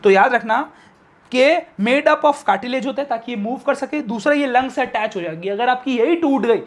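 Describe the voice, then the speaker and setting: The pitch of this male science teacher's voice is extremely high as he presents a classroom biology lecture. Mixing English technical terms into his speech, he asks and then answers questions, and slowly repeats key terms for emphasis.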